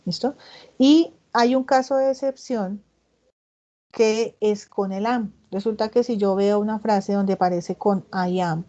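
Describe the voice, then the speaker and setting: Woman tutor, mellow dull-sounding online class. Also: mid-range voice, steady tone. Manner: explains step by step, often checks in with "¿listo?"; reads English example sentences slowly and with emphasis. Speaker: English tutor.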